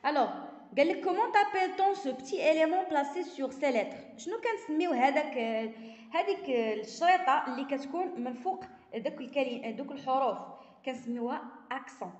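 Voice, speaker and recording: Moroccan woman teaching slowly, echoey room. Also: high-pitched, animated, a little mellow. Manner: reads French sentences slowly, then explains them quickly in Darija. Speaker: primary school teacher. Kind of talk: explaining a French lesson, switching between French and Moroccan Arabic.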